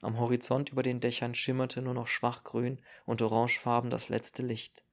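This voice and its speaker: Gravelly male audiobook narrator. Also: medium pitch, completely flat delivery, moderate pace.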